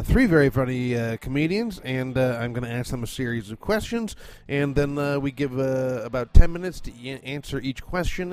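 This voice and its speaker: A man's voice: medium pitch, a little mellow. A man hosting and producing a comedy podcast from his condo, rambling casually with lots of fillers and swearing. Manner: chatty, profane, rambling with many fillers. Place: condo at home.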